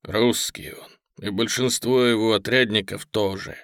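A grave, burly merchant, as a man reads him, speaking softly and slowly with earnest feeling. The recording is close and dry, with no room around it. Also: fairly low pitch, fairly even intonation, no echo. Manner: quiet, slow, heartfelt.

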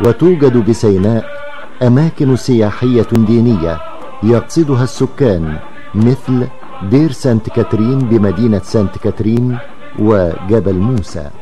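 Mellow Egyptian man, documentary narrator, over music. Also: medium pitch. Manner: formal, measured documentary narrator delivery. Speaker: radio documentary co-presenter.

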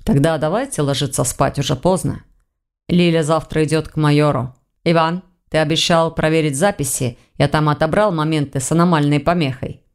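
A woman reading an audiobook, voicing a calm, decisive young man who leads the group in a low, measured voice. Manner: low measured steady speech.

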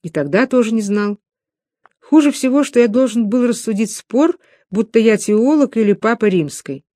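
Woman calmly reading a novel. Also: on the high side, moderate pace, no room sound, clean studio sound. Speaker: audiobook narrator. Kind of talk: novel narration.

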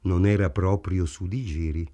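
A man reading as a crude, menacing man who speaks in a low, insinuating way. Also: steady tone, normal speed, mellow, close to an everyday voice. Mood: leering.

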